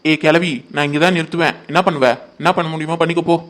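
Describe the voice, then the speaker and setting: Someone voicing a sharp-tongued young woman. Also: mid-range voice, level tone, fast, close to an everyday voice. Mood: defiant mocking. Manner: mocking, defiant.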